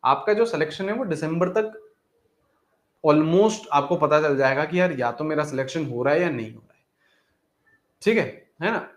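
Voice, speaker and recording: Guy teacher wrapping up an online class, pep talk, says everything twice, kinda high voice, roomy echo. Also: moderate pace, long pauses. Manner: encouraging, repetitive, addresses students as beta.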